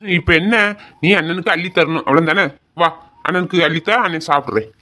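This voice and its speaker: A performer voicing a caring older brother who softly reassures his younger sister in an amateur audio drama. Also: medium pitch, brisk, lightly acted. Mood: reassuring. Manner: soft, reassuring, affectionate.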